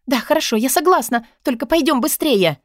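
An impulsive young witch girl pleads and exclaims in a high, eager voice, as a woman narrator puts her on. Her lines come out loud and breathless with hope. The recording is close and dry, like an audiobook. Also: lively intonation, fairly quick, no echo. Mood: eager pleading. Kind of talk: audiobook character voice.

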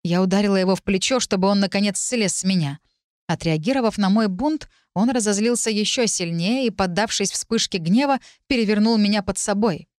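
A woman narrating a novel in the first person, in an even storytelling manner. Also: medium pitch, fairly quick, no room sound, clean studio sound. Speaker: audiobook narrator.

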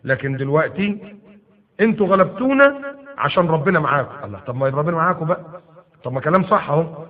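Animated Egyptian preacher, tinny audio. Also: male voice, on the high side, fast talker. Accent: Egyptian Arabic. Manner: animated, bursts into loud emphatic retelling. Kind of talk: sermon storytelling.

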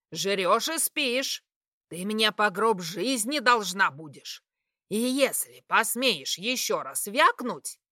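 A woman reading an audiobook, voicing a domineering, cruel mother who shouts scornfully and slowly. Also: medium pitch, dry recording, clean studio sound, heavily acted. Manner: shouting, scornful, slow and heavy.

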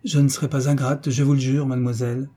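A man's voice: medium pitch, flat delivery, fast talker, dark tone, breathy edge, pitched above the performer's own voice, close to an everyday voice. A man reading an audiobook voices a timid young orphan heiress, hesitant and earnest, in a raised voice.

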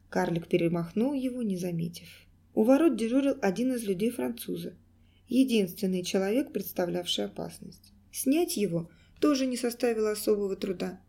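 Mellow-voiced woman narrating an audiobook. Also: medium pitch, gravelly. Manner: measured, expressive reading. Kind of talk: scripted narration.

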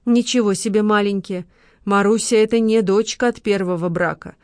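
A woman reads an irritable young woman, displeased and quick to exclaim. Her pitch stays middling, and the sound is dry and close. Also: steady tone, smooth, dry recording, close to an everyday voice. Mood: indignant.

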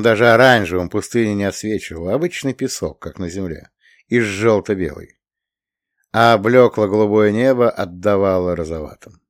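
Man, audiobook narration, measured storytelling, fairly low voice, dry sound. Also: no echo. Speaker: audiobook reader. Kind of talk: scripted narration.

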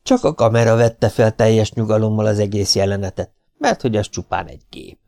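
Low-voiced male audiobook narrator, wry storytelling, dry recording. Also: vocal fry, mellow, no room sound. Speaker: audiobook reader.

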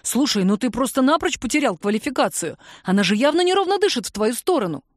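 Teasing male coworker, read by a woman; lifted pitch, dry close mic. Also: big pitch swings, fast, no echo. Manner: teasing, mocking. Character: joking cynical young male office friend.

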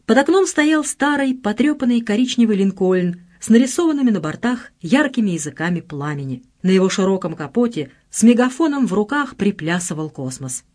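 A woman narrating an audiobook with an expressive storytelling delivery. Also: mid-range voice, fairly quick, few pauses.

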